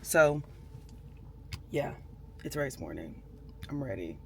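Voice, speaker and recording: A woman's voice: extremely low pitch, sing-song, slow, vocal fry. A woman chatting casually to camera in a vlog, talking into a handheld phone. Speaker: vlogger, race participant. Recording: noisy outdoor crowd and traffic.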